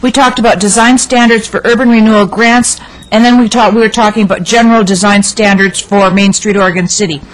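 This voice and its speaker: A woman's voice: mid-range voice, steady tone, fairly quick, poor audio. A woman commissioner asking for clarification during a city meeting. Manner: questioning, seeking clarification. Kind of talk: public meeting discussion.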